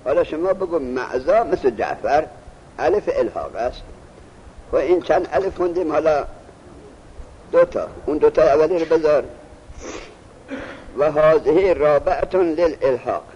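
A man's voice: fairly high pitch, long pauses, warm tone. A male teacher giving a classroom lesson, reading a text aloud, then explaining it and quizzing his students. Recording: muffled lo-fi recording with faint hiss.

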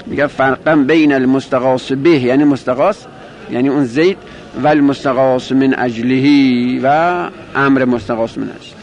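A man teaching a grammar lesson, explaining step by step, asking and answering his own questions, and slowing down to repeat quoted phrases. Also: medium pitch, lo-fi sound. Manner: repeats and rephrases terms, slows on quoted Arabic. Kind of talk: classroom lecture explaining a grammar text.

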